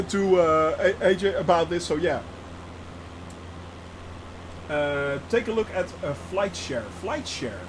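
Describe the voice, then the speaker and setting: The audio is low quality with slight background noise as a high-voiced man hosts his flight simulator live stream. He speaks informally to the chat, calls out viewers by name, and reasons aloud with plenty of hesitations and restarts.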